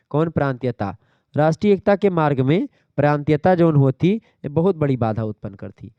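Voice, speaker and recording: Male lecturer, revision class, smooth warm voice, dry muffled recording. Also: fairly high pitch, no echo. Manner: explains terms and checks understanding with the class. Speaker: teacher.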